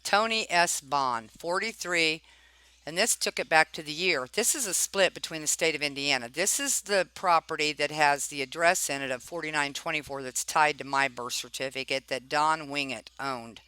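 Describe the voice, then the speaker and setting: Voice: mid-range voice, moderate pace, sharp tone, clear, resonant tone, no room sound, poor audio. A person giving informal commentary while reading documents aloud, pointed and questioning, often tagging remarks with check-in questions. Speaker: narrator reviewing property records.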